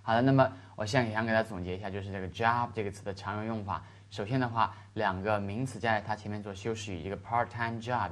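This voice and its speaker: A man teaching English vocabulary in Chinese, stretching out the English examples slowly and checking in with his listeners. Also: fairly low pitch. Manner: explains in Chinese with slow, drawn-out English examples and frequent "是吧" checks. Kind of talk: classroom lesson explaining vocabulary.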